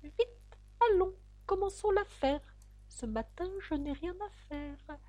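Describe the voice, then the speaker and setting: A woman voicing a malicious dog who makes himself judge, in a slow, drawn-out sing-song delivery. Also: high voice, dark tone, highs cut off, pitched above the performer's own voice. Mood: sly. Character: menacing scheming dog judge in a verse tale.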